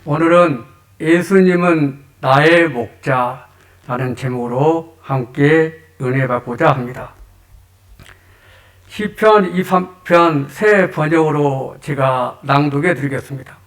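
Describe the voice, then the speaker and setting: A middle-aged man, a church elder, preaching a sermon and explaining scripture step by step in a measured way. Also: fairly high pitch.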